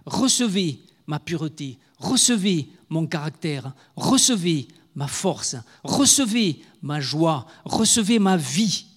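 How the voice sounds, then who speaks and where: A high-voiced man speaking as Jesus, a calm and gentle teacher. The voice is soft and solemn, with slow, deliberate blessings. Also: slightly rough, heavily acted.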